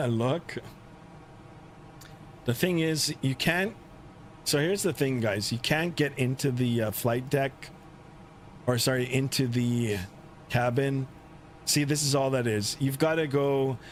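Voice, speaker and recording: Casual commentary from a man hosting a flight simulator livestream comes in halting bursts separated by pauses. The whole recording carries a steady aircraft engine rumble.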